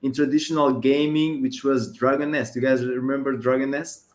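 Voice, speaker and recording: A man's voice: mid-range voice, flat delivery, normal speed. A man co-hosting a gaming podcast, talking casually and with enthusiasm. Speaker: podcast co-host.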